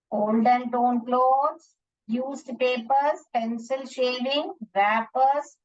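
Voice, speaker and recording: A woman teacher giving a lesson to children, repeating words slowly so they can write them down. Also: on the high side, dull audio.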